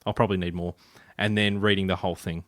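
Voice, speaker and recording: A man's voice: deep voice, flat delivery, fast, a bit bright, dry recording, clean studio sound. A man from Ireland, hosting a podcast in a playful, rambling casual chat. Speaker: podcast host.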